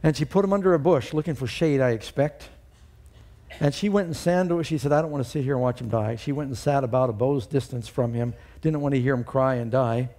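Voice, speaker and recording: A middle-aged man preaching a sermon as pastor, telling Bible stories and personal anecdotes and lifting his voice high and loud for quoted lines. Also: brisk.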